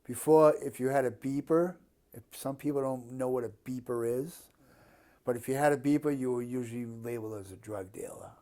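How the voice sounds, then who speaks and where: A man in his fifties from the Boston area, with the local Boston accent. His tone is mellow and dark, at a middling pitch. He talks casually and bluntly, like someone answering questions about himself. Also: brisk. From Boston area, Massachusetts, USA. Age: 50s. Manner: blunt, plain-spoken, given to swearing. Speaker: interviewee. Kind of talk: casual chat.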